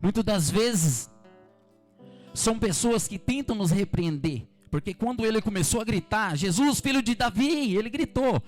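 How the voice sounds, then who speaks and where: A man's voice: sits high, animated, normal speed, a little mellow, soft background music. A man with a Brazilian Portuguese accent preaching an evening church sermon, fervently repeating his calls to the congregation. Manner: fervent, repetitive exhortation addressing the congregation. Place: church service.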